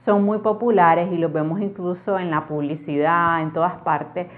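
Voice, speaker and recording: Latin american spanish lady teaching a lesson, clear step by step, tinny phone-ish sound. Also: lowish voice, fairly even intonation, normal speed. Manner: clear, methodical explaining with examples. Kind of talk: explanatory lesson. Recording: narrow phone-like audio.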